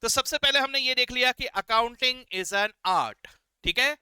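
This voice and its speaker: Slow, bright-voiced Hindi accounting teacher. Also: male voice, very high-pitched, clear, resonant tone, no echo. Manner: repeats key terms and keeps checking understanding with "ठीक है?"; asks students to chant the definition along with him. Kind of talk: classroom lecture in mixed Hindi and English.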